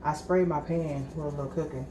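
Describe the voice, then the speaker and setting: A woman's voice: low-pitched, steady tone, a little fast. A woman vlogger cooking at home, talking casually and rambling, calling her viewers y'all. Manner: chatty and rambling, keeps addressing viewers as y'all. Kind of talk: casual cooking vlog chat. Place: home kitchen. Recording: echoey room with background noise.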